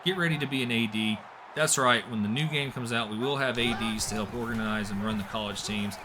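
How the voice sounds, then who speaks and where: A young man doing live play-by-play commentary on a simulated football game, getting excitable on big plays. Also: brisk, noisy background. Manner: excitable, voice jumps high and loud on big plays. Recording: music playing behind the voice.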